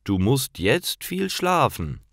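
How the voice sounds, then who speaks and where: A man voicing a caring mother, gentle and worried, speaking slowly and clearly in a softly raised voice. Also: medium pitch, sing-song, no room sound, studio quality, voice pushed up, exaggerated voice.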